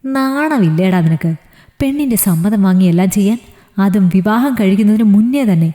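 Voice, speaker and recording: A woman's voice: medium pitch, brisk, dark tone, close to an everyday voice. A woman storyteller voicing a young man who coaxes and mocks his friend. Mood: coaxing. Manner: coaxing, mocking. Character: young man, pushy mocking drinking buddy. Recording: reverberant echoey room.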